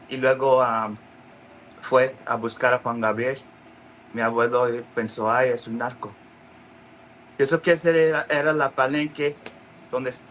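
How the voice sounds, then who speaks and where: Halting man with a bright voice. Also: mid-range voice, slight background noise, poor audio. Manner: halting, many restarts and fillers, acts out quoted voices. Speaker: interview guest. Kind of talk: casual storytelling interview.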